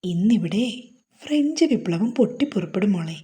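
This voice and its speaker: A woman's voice: mid-range voice, animated, moderate pace, warm tone, lightly acted. A woman voicing a sulky young husband who turns playfully teasing in a romance novel reading. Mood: grumbling.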